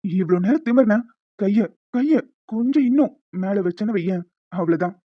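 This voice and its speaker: A woman's voice: mid-range voice, expressive, normal speed, dry recording, natural voice. Woman voicing a smug leering young cad, cartoon. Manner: taunting, teasing. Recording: dull lo-fi with music behind.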